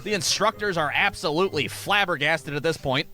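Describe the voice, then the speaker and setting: A man's voice: a little high, fairly quick. A man telling comic stories in a casual, profane style, exaggerating and acting out the dialogue. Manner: crude, exaggerated, acts out dialogue. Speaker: comedic storyteller.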